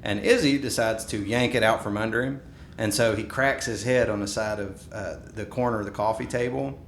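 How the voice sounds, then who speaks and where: A man in his thirties telling stories in a casual podcast chat, animated, acting out what people said. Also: a little fast. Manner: animated storyteller, acts out quotes. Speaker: podcast co-host. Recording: echoey room with faint rumble.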